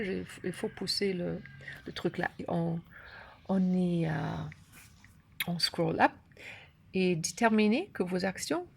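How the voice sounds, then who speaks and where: A woman from Germany with a German accent gives an unscripted app tutorial in broken, halting French, searching for words. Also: mid-range voice, gravelly, breathy edge. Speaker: course creator and app instructor.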